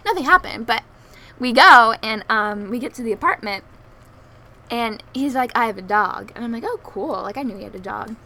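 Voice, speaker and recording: A woman's voice: a little high, expressive, normal speed, sharp tone. A young woman telling a long story in casual chat, rambling, with many likes and ums, and laughing through it.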